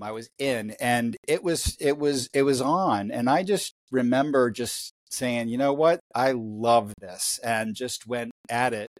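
A man in his fifties, a guest athlete on a podcast, tells stories casually in a rambling, halting way full of restarts. His voice is an ordinary middle pitch, recorded dry and close with no room sound.

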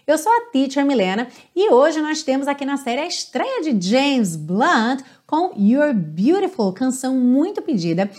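A Brazilian woman gives an English lesson on video, speaking in a slightly high voice. She talks straight to the viewer in a friendly, lively way and slows right down to read each English line before translating it. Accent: Brazilian Portuguese. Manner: reads English lyrics slowly, then translates. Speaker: English teacher. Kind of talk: upbeat video lesson in Portuguese.

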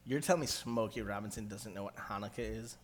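Low-voiced man telling stories casually. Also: fast talker. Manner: storytelling banter, acts out quotes. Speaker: podcast co-host. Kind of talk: casual chat.

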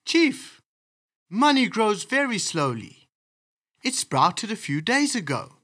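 A man's voice: sits high, sing-song, slow pace, a bit bright, pitched above the performer's own voice, heavily acted. A man voicing a sly, lazy male trickster rabbit in a storybook reading, in a cheeky, wheedling way.

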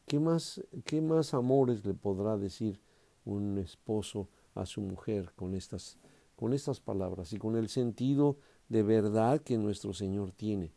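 A man's voice: on the low side, unhurried, gravelly, mellow. A man preaching and reading scripture aloud, reflective, often tagging his sentences with a questioning "right?". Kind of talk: Bible reading and sermon.

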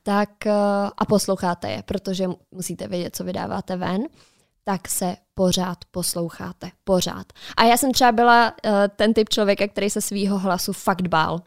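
A woman co-hosting a relaxed podcast, speaking at a middling pitch in a chatty, reflective way. She shares advice in an easy, conversational manner, and her voice sounds dry and close to the mic. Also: creaky, dry recording. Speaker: podcast co-host. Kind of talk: casual podcast chat. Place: studio.

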